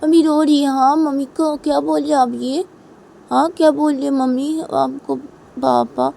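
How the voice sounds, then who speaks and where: A woman's voice: high-pitched, steady tone, unhurried, vocal fry, dark tone, slight background noise, voice pushed up. A woman voicing a small daughter who pleads with her parents in a whiny, repetitive way, in a homemade story. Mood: upset pleading.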